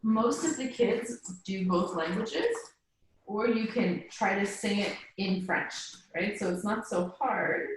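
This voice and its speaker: This staff trainer for child therapy, a woman with a medium-pitched voice, takes things slowly as she talks her team through the material. She chats, explains and checks in repeatedly; the recording carries roomy echo, faint music and a little hiss or hum.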